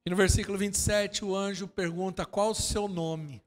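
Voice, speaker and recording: A Brazilian pastor preaching a sermon, swinging from quiet asides to loud shouting and firing rhetorical questions at his congregation. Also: sits high, fairly even intonation, normal speed, long reverb tail. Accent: Brazilian Portuguese. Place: church hall.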